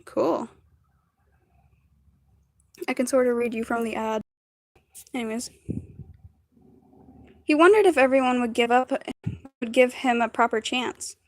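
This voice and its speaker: A woman with a high voice reads a story aloud at an unhurried pace, breaking off to chat with her stream. She giggles often and trips over words, heard close and dry with no room sound. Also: dry recording. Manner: giggly, stumbles over words and chats with viewers between lines. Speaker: streamer reading fan fiction aloud. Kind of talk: casual livestream read-aloud.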